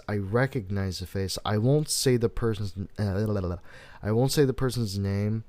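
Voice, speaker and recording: Slow, low-voiced young man hosting. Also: darkish tone, dry recording. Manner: rambling, laughs often, tells stories slowly. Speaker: podcast host. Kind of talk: casual podcast chat. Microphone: headphones and desk mic.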